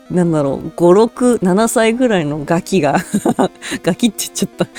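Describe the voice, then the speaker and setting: A woman telling a true story as a virtual cat-spirit storyteller, in a relaxed, rambling way with frequent chuckles and fillers. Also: mid-range voice. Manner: rambling, casual, chuckles often, many fillers.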